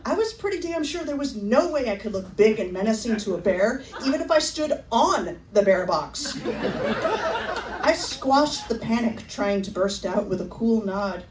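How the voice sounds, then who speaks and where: A middle-aged woman performing a personal memoir at a live storytelling event, with a wry, animated delivery. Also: a little high, measured pace, reverberant, recorded from a distance, slight background noise, rough recording.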